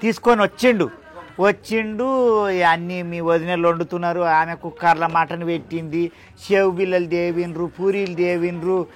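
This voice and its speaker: A man's voice: high voice, little pitch movement, normal speed, close to an everyday voice. A man playing a fretful, talkative village mother in a village comedy, speaking with a Telangana Telugu accent, scolding and telling long stories. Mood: chatty. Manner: long-winded storytelling, scolding, with lamenting.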